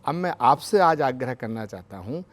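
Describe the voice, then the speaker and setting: A man's voice: mid-range voice, animated, normal speed. A man who is a spiritual leader speaking on a televised news debate, formal and devotional, earnest and emphatic.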